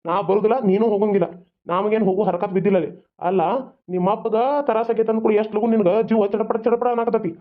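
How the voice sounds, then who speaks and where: A man's voice: sits high, little pitch movement, rapid-fire, close to an everyday voice. A man voicing a stubborn, grumbling husband in a cartoon. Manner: grumbling, refusing. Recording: tinny phone-like sound.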